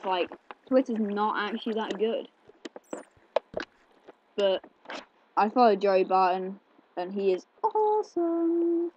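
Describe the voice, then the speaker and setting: Over a noisy background, a high-voiced man rambles casually through gameplay commentary, chatty and packed with fillers. It's a slightly dull home recording, and the desk microphone picks up the clicking of his keyboard.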